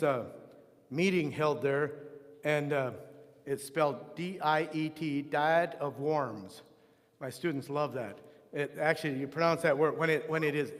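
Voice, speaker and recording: A man's voice: on the high side, fairly bright tone, big-room sound. A man teaching a church history lesson in Sunday school, talking conversationally with frequent restarts and asides. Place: church room.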